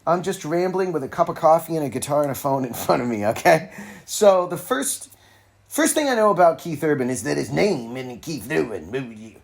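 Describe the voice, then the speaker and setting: A man hosts a solo podcast, rambling casually about music with wry, informal asides and frequent self-interruptions, recorded informally with a phone at hand. His voice is fairly high and gravelly, with lively intonation and a moderate pace.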